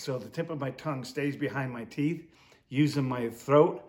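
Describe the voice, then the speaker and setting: A man's voice: medium pitch, moderate pace, darkish tone. A man instructing in duck calling, explaining his technique step by step in an informal, hands-on way.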